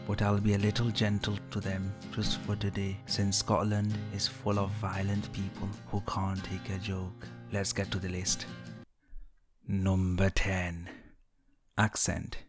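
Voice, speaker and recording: A man narrating a scripted list video in a mocking, sarcastic manner. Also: on the low side.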